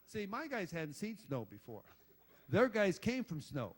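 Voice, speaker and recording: A man's voice: high voice, big pitch swings, a little slow. An older man, a former football coach, giving a rambling speech full of stories, blunt and salty, swearing and joking with the crowd.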